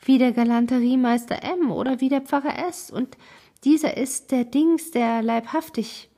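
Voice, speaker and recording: A woman voicing a capricious, imperious young noblewoman in an audiobook, with a breathy, mellow voice. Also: steady tone, moderate pace. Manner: bossy, wheedling, high-spirited. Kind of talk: audiobook character reading.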